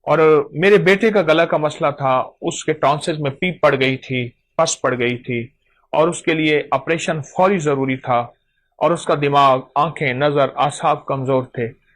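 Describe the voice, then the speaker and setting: A man's voice: a little high, a little slow. A man giving an emphatic talk on folk remedies, repeating phrases for stress. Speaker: host.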